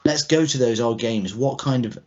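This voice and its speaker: A man in his thirties co-hosts a podcast, chatting casually in a loose, rambling way. He speaks at a moderate pace in a medium-pitched voice, and the podcast audio is dull and lo-fi.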